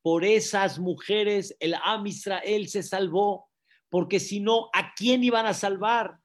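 A rabbi preaching, telling stories and quizzing the audience with questions. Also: male voice, sits high. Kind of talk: sermon.

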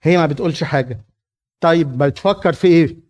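A man's voice: fairly high pitch, fast, darkish tone. A man with an Egyptian accent coaching actors through a church drama scene, explaining it animatedly. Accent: Egyptian Arabic. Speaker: drama director.

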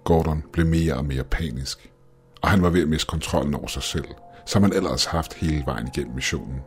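Male horror narrator; extremely low, breathy, measured and ominous. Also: faint music behind. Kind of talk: scripted horror story narration.

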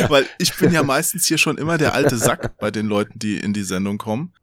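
A man's voice: medium pitch, steady tone, normal speed, a bit bright, dry recording, clean studio sound. A man in his forties from Germany, hosting a podcast in a casual, joking, teasing way. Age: 40s. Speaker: podcast host. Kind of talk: casual chat.

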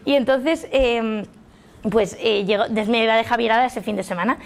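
A woman's voice: fairly high pitch, moderate pace. A young woman from Madrid with a Madrid Spanish accent, telling a personal story in a chatty way with many fillers and acted-out quotes. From Madrid, Spain. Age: young adult. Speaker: guest telling her story. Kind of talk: personal testimony.

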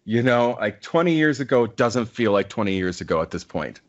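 This podcast co-host, a man in his forties, keeps his casual chat earnest and reflective, sprinkled with fillers. His fairly low voice has lively intonation at normal speed, though the audio sounds dull.

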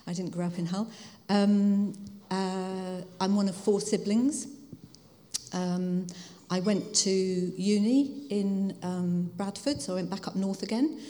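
A woman's voice: medium pitch, fairly even intonation, takes it slowly, dark tone. Mature woman, Home Counties accent, echoing hall. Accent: Home Counties English. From Hertfordshire, England. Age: 50s or older. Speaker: guest speaker, spiritual director. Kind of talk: conversational interview talk to a church audience. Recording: reverberant hall.

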